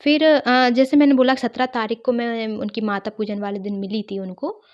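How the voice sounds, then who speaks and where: A woman's voice: fairly high pitch, fairly even intonation, normal speed, highs cut off. A woman earnestly telling a personal story, retelling what others said to her. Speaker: guest sharing a personal testimony.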